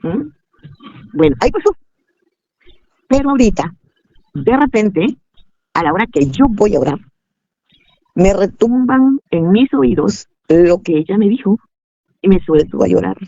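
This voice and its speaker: An older woman, calling in and telling a personal story, haltingly acting out both sides of past conversations. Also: medium pitch, sing-song, vocal fry, mellow, no echo, lo-fi sound. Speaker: caller asking for advice.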